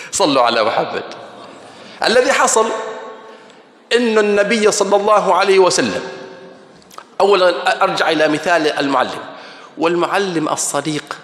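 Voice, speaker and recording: A man preaching a humorous sermon, telling stories and acting out voices. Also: sits high. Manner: lively storytelling, acts out voices. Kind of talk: humorous sermon in Gulf dialect. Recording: echoey hall reverb.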